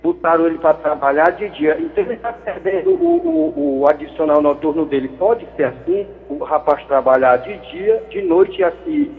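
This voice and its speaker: A man calling in over a landline phone, his voice thin and tinny, with a long hollow echo trailing behind it. He sits a bit high in pitch for a man. He talks in a chummy, joking way and rambles, stumbling over repeated words. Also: sing-song, normal speed, few pauses. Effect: over a landline phone line. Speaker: radio caller. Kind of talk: casual call-in chat.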